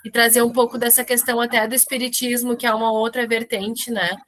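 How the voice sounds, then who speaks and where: A woman's voice: a little high, flat delivery, brisk, fairly bright tone. Chatty woman. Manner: chatty, encouraging, many tag questions. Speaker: book club organizer. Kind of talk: casual group chat.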